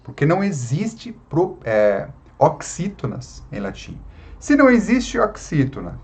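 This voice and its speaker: A man's voice: fairly high pitch, wildly swooping pitch, unhurried, a little mellow, breathy edge. A man teaching an online Latin lesson in Brazilian Portuguese, explaining patiently with frequent tag questions.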